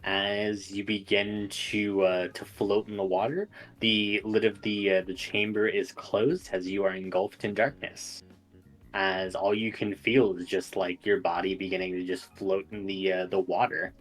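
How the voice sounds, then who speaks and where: Male game master, low husky voice, halting improvised narration over faint music. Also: steady tone, rough recording.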